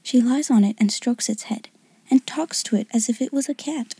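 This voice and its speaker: An honest young schoolgirl, voiced by a woman narrator talks frankly in a soft, breathy hush. Her tone is mellow and dark, recorded close and dry. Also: on the high side, moderate pace, no room sound. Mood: slow, earnest. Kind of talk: audiobook character reading.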